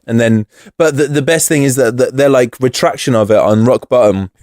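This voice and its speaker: A man talking casually on a podcast, rambling through stories with lots of fillers and laughter. His voice sits at an ordinary middle pitch. It is recorded close and dry, with no room sound. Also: a little fast, darkish tone, no echo. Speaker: podcast co-host. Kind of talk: casual chat reviewing a cartoon episode.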